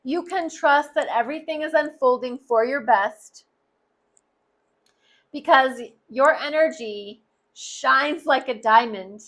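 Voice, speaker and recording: A woman's voice: high-pitched, slow pace, fairly bright tone. A woman giving a tarot card reading, speaking earnestly and straight to the listener. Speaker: tarot reader.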